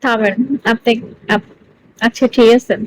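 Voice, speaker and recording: A woman with a high, bright voice chats into her phone during a live stream. She teases and coaxes her viewers in a playful way and giggles between lines. A faint hum of ambience sits behind her. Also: fairly even intonation, measured pace, low-quality recording. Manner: playful and teasing, coaxing viewers.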